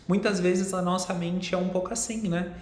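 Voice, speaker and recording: A young Brazilian psychologist teaches an online course, explaining material and putting questions straight to viewers. His voice keeps a fairly even intonation at a moderate pace, with a Brazilian Portuguese accent, recorded in an echoey room with a faint rumble.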